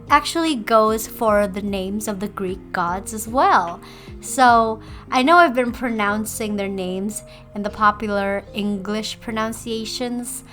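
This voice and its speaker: A woman's voice: mid-range voice, a bit bright. A young woman from Indonesia, chatting casually in a voice-over about her drawing process, with playful self-deprecating asides. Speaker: artist and video creator.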